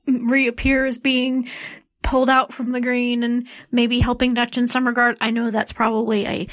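A woman's voice: on the high side, little pitch movement, moderate pace, no room sound. A woman co-hosting a podcast gives casual solo commentary in a closet recording made on a cell phone. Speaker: podcast co-host. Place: hotel room closet, close dry sound.

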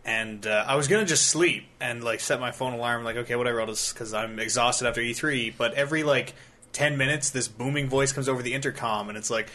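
A man's voice: medium pitch, a little fast, pushed and bright. A man hosting a gaming podcast, telling a rambling travel story in casual chat, swearing freely. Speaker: podcast host.

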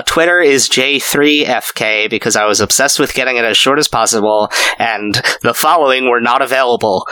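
A man's voice: medium pitch, bright, forceful tone, clean tone, dry recording. A man hosting a podcast in a casual, chatty style. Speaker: podcast host.

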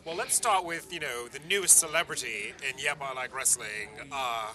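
A man's voice: medium pitch, normal speed, sharp tone. A man co-hosting a podcast in a casual, teasing and dramatic style with a campy manner. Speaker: podcast co-host. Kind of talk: casual chat.

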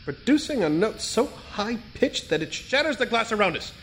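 An actor playing a pompous, eccentric detective who speaks formally and teases his partner deadpan. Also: high voice, moderate pace, faint music behind. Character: pompous eccentric male detective, dryly teasing.

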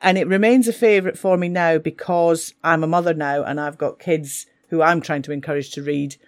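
A woman's voice: low voice, steady tone, fairly quick. A woman teacher, talking with enthusiasm about books she loves. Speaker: English teacher. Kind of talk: casual talk for school radio.

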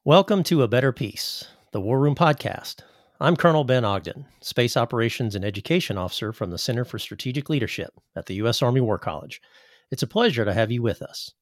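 An American man working as a podcast host, reading a scripted introduction and questions in a formal, measured way. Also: medium pitch, lively intonation, dry recording, studio quality. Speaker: podcast host, army officer.

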